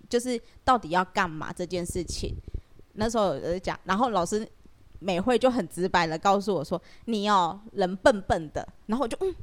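A woman with a Taiwanese Mandarin accent, a podcast guest reflectively telling her own story with many fillers. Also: mid-range voice. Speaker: guest sharing her experience. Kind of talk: casual podcast conversation.

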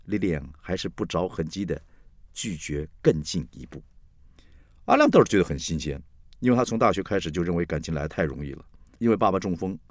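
A man, telling a comic story in a chatty, playful way with lively asides. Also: low voice, dry recording, studio quality. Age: 60s. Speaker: storyteller host.

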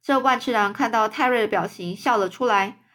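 A woman's voice: brisk, fairly bright tone. A woman reading a children's novel aloud, stopping to explain words in simple terms. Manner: voices the quoted characters with raised pitch.

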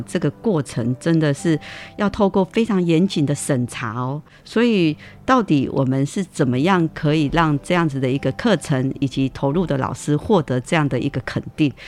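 A man's voice: a little high, a little mellow. A man hosting an interview, giving frequent affirming back-channels and asking questions. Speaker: host.

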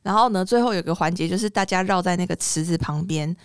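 A woman with a Taiwanese Mandarin accent telling a story in casual podcast chat, animated and expressive. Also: fairly low pitch, fast, smooth, no echo, studio quality. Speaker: podcast co-host.

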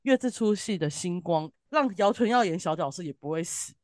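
A woman's voice: fairly low pitch, animated, fairly quick, a little mellow, no room sound, clean studio sound. A woman from southern Taiwan with a southern Taiwanese Mandarin accent, chatting casually and bluntly as a co-host with emphatic, colloquial opinions. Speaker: podcast co-host reviewing TV drama.

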